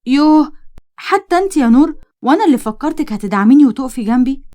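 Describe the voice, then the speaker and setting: Woman narrator playing an eccentric young Egyptian girl inventor: high, excited and defiant, rattling off her lines. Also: quick pace.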